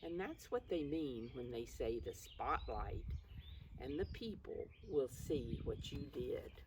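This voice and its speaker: A preschool teacher reads a picture book to small children in a slow, lilting, sing-song manner with a bass voice. She encourages them, addresses them directly, and offers simple explanations, recorded on a distant mic with faint background noise.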